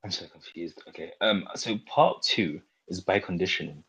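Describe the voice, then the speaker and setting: A man's voice: sits low, normal speed, fairly bright tone, husky, poor audio. A man in a casual debate, methodically explaining his point through step-by-step analogies.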